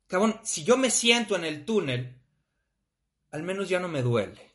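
Animated, profane Mexican man. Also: high voice, unhurried. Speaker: podcast host. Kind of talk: casual talk on grief.

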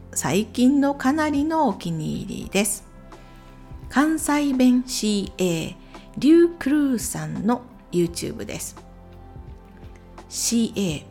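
A woman hosting a solo podcast, talking clearly and unhurriedly, with soft whispered asides. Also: on the high side. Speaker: podcast host. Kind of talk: scripted solo podcast recommending YouTube channels.

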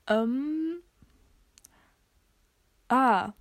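A woman's voice: sits high, extremely slow, no echo, studio quality. A young woman co-hosting a casual podcast chat, bubbly and giggly, dropping English words into her talk. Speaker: podcast co-host. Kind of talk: casual chat, reading a quiz aloud.

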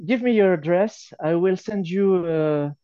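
Smooth, mellow Frenchman with a French accent. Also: high voice, unhurried, no echo, lo-fi sound. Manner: hesitant, non-native English phrasing. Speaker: podcast guest. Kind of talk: casual podcast chat.

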